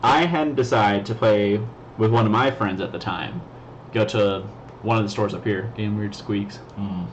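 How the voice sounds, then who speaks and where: A man's voice: lowish voice, normal speed. Laid-back slangy man, lo-fi sound. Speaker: co-host. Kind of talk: casual chat. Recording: dull lo-fi sound, faint noise.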